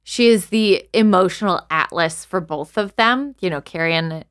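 A woman's voice: lowish voice, normal speed, a bit bright, clean tone. A woman co-hosting a podcast in a blunt, casual way, swearing freely. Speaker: podcast co-host. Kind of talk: casual chat.

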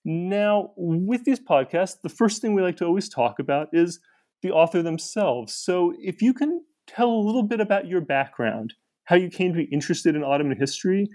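A man hosting a podcast, introducing his guest in a measured, formal way. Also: high voice, darkish tone. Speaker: podcast host and researcher.

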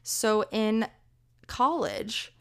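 A young woman in her twenties hosts a casual solo podcast, chatting and rambling with self-deprecating asides while slightly out of breath. Her voice is fairly high, clear, resonant, and fairly bright, with drawn-out words.

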